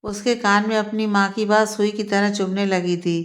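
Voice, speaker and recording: Flat-voiced woman storyteller. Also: medium pitch, normal speed. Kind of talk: scripted story narration.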